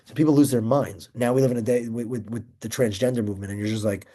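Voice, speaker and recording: A young man teaching an informal Torah class, emphatic and excitable, rambling between points. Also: mid-range voice, fast.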